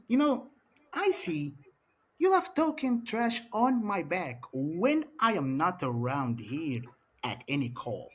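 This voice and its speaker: A man's voice: on the high side, fairly bright tone, slightly rough. A man cutting a boastful wrestling promo as champion, taunting his rival in broken English. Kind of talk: wrestling promo trash talk.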